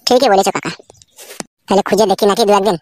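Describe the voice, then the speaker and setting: A woman's voice: medium pitch, fast talker, a little mellow, voice pushed down, lightly acted. A woman voicing a foul-mouthed, defiant young village husband in a comedy cartoon. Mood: calm. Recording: noisy recording.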